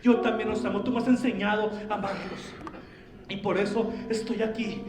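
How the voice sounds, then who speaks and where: A man preacher voicing a suffering, crucified Jesus who speaks softly, hushed and breathless, in an echoey church. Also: sits high, fairly even intonation, normal speed, lightly acted. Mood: hushed resigned. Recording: echoey church with faint music.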